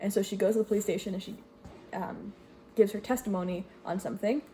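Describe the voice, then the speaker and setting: At home with the washing machine going, a young book vlogger from Greece rambles through a casual review of her reads, using fillers and self-corrections. She speaks quickly in a warm, steady, medium-pitched voice over slight background noise.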